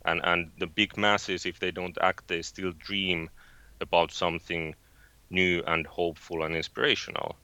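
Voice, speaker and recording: A man from Finland with a Finnish accent, a guest in an interview, speaking haltingly with many fillers and restarts. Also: deep voice, little pitch movement, pushed and bright, smooth, no room sound. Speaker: guest, space company founder. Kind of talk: interview conversation.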